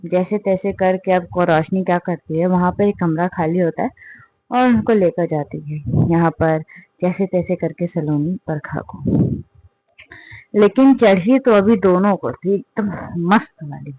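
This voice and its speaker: A woman narrating a romance story in a relaxed, conversational way, repeating words and switching into the voices of her characters. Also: fairly low pitch, unhurried, no room sound, poor audio.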